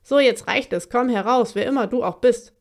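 A woman's voice: medium pitch, normal speed, close to an everyday voice. A woman voicing a big, stern female forest creature who grumbles and gives orders in a children's audiobook. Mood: firm. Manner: gruff, commanding.

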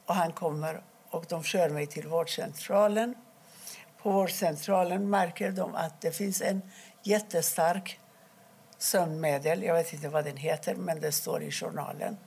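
Gravelly husky-voiced woman telling her story. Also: on the low side, fairly even intonation, darkish tone. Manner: halting, with restarts and quoted dialogue. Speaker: interviewee. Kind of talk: personal account in an interview.

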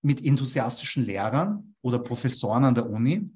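A man's voice: mid-range voice, lively intonation, fairly quick, darkish tone. Man who keeps asking "ja?". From Austria. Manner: tags statements with a questioning "ja?". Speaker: copywriting expert guest. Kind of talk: explanatory interview talk.

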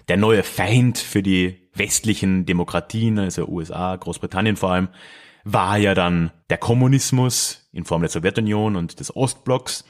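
Low-voiced man chatting through history. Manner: thinks aloud, restarts phrases, asides with "ne?" and short laughs. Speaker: podcast host explaining history. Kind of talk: casual spoken history talk.

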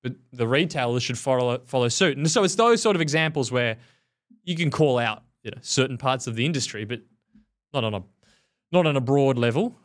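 A man's voice: mid-range voice, animated, a little fast. Blunt, laughing man on a podcast. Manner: blunt, laughs often, swears casually. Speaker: podcast co-host. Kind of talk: casual chat.

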